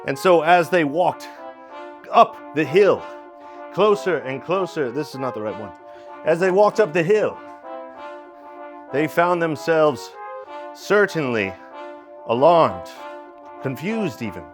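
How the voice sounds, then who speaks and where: A man narrating his own live one-man puppet musical, unhurried, with improvised asides. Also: a little high, very animated, music in the background. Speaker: narrator and performer.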